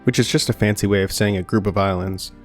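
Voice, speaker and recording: A young man narrating a scripted video game review in a steady, dry way with light jokes. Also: fairly low pitch, fast talker. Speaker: gaming YouTuber. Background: soft background music.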